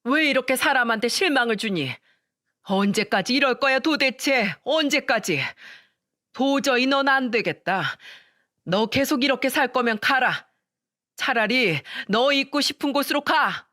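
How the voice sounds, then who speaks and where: A woman's voice: fairly high pitch, moderate pace, fairly bright tone, close to an everyday voice. A woman voicing a tired, scolding elderly mother-in-law. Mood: reproachful.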